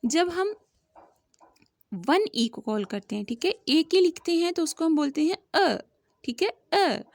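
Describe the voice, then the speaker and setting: A woman with a Pakistani accent teaches young children phonics, patiently sounding out each letter. Her voice sits high, and her delivery is unhurried and deliberate. The sound is close and dry. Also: expressive, a little mellow, dry recording. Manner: addresses the child as "beta".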